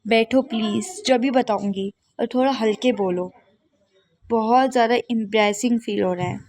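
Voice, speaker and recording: A woman voicing a young female classmate who is pleading and persistent, talking in a soft, earnest way in a doll game role-play. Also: a little high, moderate pace, pitched below the performer's own voice.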